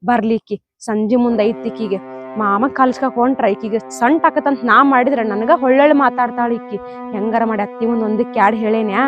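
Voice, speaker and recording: A woman's voice: a little high, fairly quick, dull audio, over music. A woman with a North Karnataka accent acting a complaining young wife in a village comedy skit, whining and then plotting in asides. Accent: North Karnataka Kannada.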